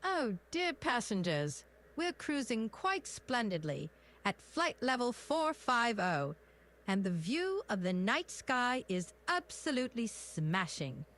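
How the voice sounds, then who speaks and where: A woman's voice: fairly high pitch, big pitch swings, slow, a bit bright, voice pushed up, heavily acted. A synthetic woman's voice putting on a British accent to play a cheery female first officer making prim cabin announcements. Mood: chirpy.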